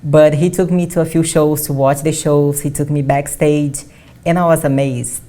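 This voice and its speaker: Low-voiced young woman. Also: fairly even intonation, moderate pace, dark tone. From Brazil. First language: Portuguese. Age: 20s. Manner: earnest, often says "like". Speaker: guest athlete. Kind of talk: conversational interview. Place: studio.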